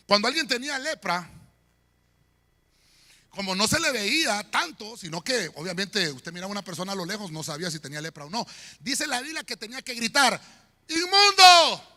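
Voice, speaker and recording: A pastor preaching a sermon in a church, swinging between shouts and quiet murmurs. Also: male voice, extremely high pitch. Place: church sanctuary. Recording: long church hall reverb.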